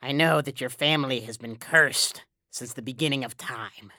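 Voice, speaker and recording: A woman voicing a thin, sly little man who talks in a slow, wheedling, persuasive way, reading a storybook. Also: rumbling low, sharp tone, no room sound, studio quality, pitched below the performer's own voice. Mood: scheming.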